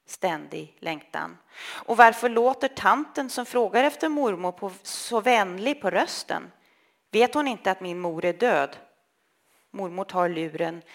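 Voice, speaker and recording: A woman reading a literary text aloud in a slow, measured, intimate way. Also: lowish voice. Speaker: reader.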